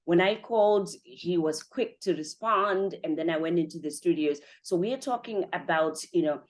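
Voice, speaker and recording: A woman's voice: fairly low pitch, normal speed. Chatty, effusive woman hosting an interview. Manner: effusive, chatty, many 'you know' fillers. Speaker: podcast host. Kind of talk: interview conversation.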